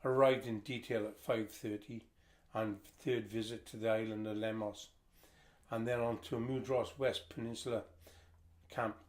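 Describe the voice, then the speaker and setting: An older man reading a family history aloud, telling the story in a lively storytelling way. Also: fairly low pitch, moderate pace.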